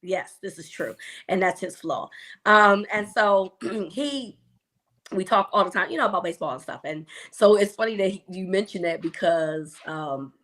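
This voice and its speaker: A woman's voice: mid-range voice, normal speed, fairly bright tone. A woman talking baseball as a podcast guest in casual chat, rambling with frequent restarts and easy laughter.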